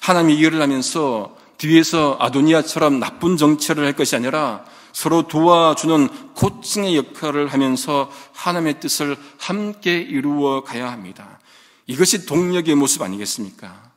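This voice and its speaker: A man's voice: a little high, moderate pace. Male pastor, devotional sermon, earnest rhetorical questions, long hall echo. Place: church.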